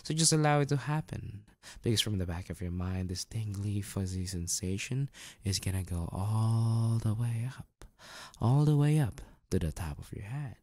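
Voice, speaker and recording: A man guiding a listener through a hypnosis induction, giving slow, soothing instructions with casual asides. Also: lowish voice, a little mellow, no room sound.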